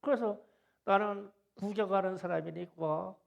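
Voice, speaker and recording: A middle-aged male pastor delivers a Friday prayer-meeting sermon, retelling a vision with deep emotion. His voice is gravelly and sits a little high for a man. He speaks slowly, stretching out his phrases. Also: fairly even intonation. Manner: emotional storytelling, rising to loud wailing.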